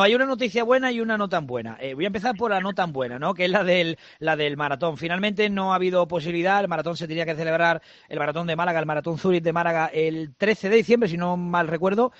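A man hosting a live sports radio show, chatting and running through fixtures in a brisk, conversational way. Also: fairly high pitch, a bit bright, no room sound, lo-fi sound.

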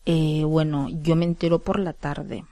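A Peruvian woman recounts her story in an interview, pausing often and keeping her voice quite level. Her tone stays soft and steady. The recording is dry and close, with no room sound. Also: sits low, dry recording. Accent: Peruvian Spanish. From Peru. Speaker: interviewee, widow of a fisherman. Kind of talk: emotional testimony.

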